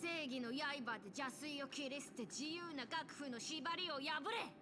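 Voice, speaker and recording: A woman's voice: high voice, a little slow, over music. A woman playing a solemn, fervent young ninja warrior in a game, declaiming in a grandiose, archaic way. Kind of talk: Japanese game voice acting.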